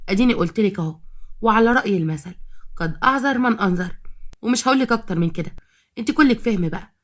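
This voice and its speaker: Woman narrator as a sarcastic, scheming Egyptian daughter-in-law, fast. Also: mid-range voice, expressive, natural voice. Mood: threatening. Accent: Egyptian Arabic. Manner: defiant, sarcastic. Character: scheming young Egyptian wife, quarrelsome.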